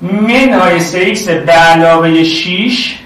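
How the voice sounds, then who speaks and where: Loud animated male math teacher, echoey. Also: sits high, distant mic. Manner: loud, animated, talks to students directly. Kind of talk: online class lecture.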